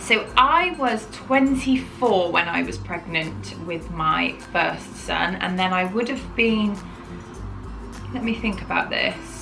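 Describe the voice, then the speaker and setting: A woman's voice: lowish voice, lively intonation, takes it slowly, creaky, over music, poor audio. Chatty woman in her thirties. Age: 30s. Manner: chatty, rambling, self-correcting. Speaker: parenting vlogger. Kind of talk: casual storytelling to camera.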